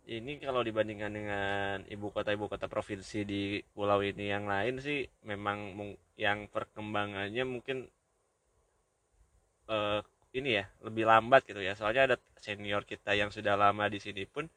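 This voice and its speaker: Guy telling travel stories on a podcast, bright voice, laid-back and a bit crude. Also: fairly low pitch, moderate pace. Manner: relaxed storytelling, swears casually. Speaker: podcast co-host. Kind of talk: casual chat.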